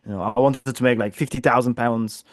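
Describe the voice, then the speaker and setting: Speaking from a London home office, a man in his thirties from Poland, a business coach, is an interview guest with a Polish accent and a cheerful, chatty style full of fillers. His mid-range voice holds a steady tone at a fairly quick pace. The audio is clean studio quality with no room sound.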